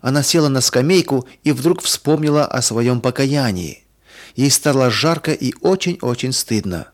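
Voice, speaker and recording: Brief: male narrator for a children's storybook, calm and even, mid pitch. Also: normal speed.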